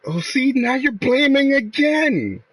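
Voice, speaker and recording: Mocking, argumentative man with a lively voice. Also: very high voice, slow, husky, dry recording. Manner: mocking, argumentative, swears freely. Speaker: gaming streamer. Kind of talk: heated casual banter with an online friend.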